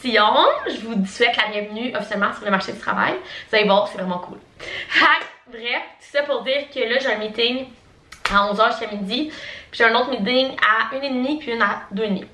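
A woman's voice: a little high, a little fast, sharp tone. A woman in her twenties from Quebec with a Québécois French accent, chatting casually and rambling to her vlog camera, full of fillers. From Quebec, Canada. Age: 20s. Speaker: vlogger.

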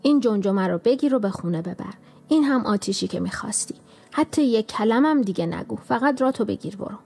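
A woman's voice: mid-range voice, expressive, vocal fry, a little mellow, husky. A woman voicing a sneering, commanding old witch in a storybook, with a nasal, sarcastic manner. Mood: curt. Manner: sarcastic, bossy.

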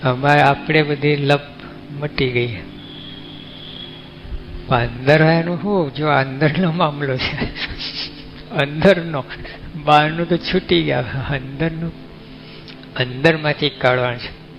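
A man's voice: a little high, fairly even intonation, slow, pauses often, slight background noise. A man with a Gujarati accent, giving a folksy, conversational sermon as a monk, often asking his listeners questions. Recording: dull lo-fi recording with faint music.

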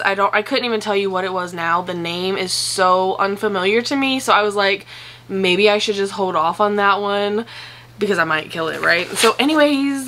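A young woman at home chatting casually through an unboxing, gushing and excitable, swearing now and then. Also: mid-range voice. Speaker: plant vlogger.

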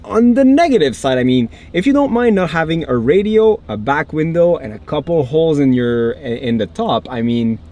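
A man's voice: fairly high pitch, animated, moderate pace, few pauses, dark tone. A man hosting a casual travel vlog, upbeat and chatty, with frequent laughs. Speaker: travel vlogger host. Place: inside an old jeep, then outdoors in rain.

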